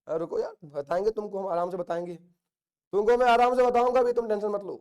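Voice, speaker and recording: A man from India teaching chemistry to a class, his voice sitting very high for a man. He teases and scolds the students in a playful way and repeats key phrases again and again to drill them in. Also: steady tone, quick pace, a little mellow, smooth. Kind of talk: classroom lecture.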